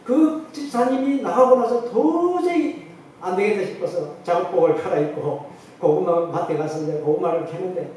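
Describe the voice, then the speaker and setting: A man's voice: sits high, normal speed, dark tone. A middle-aged man, a pastor, telling a story in his sermon and acting out the voices of the people in it. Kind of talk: sermon testimony. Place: church sanctuary. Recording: very echoey hall, distant mic, faint noise.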